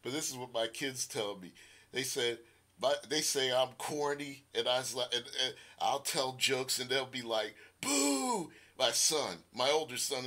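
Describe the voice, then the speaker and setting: A man's voice: medium pitch, pushed and bright. A middle-aged man hosting a livestream, talking casually, often laughing at his own jokes and cursing freely. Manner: laughing, profane, tangential. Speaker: science channel host.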